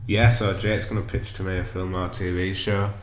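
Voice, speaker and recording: A man's voice: deep voice, little pitch movement, moderate pace. A young man with a West Yorkshire accent, co-hosting a podcast, chatty and full of questions. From West Yorkshire, England. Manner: chatty, asks lots of questions. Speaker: podcast co-host. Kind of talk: casual chat. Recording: echoey room with faint noise.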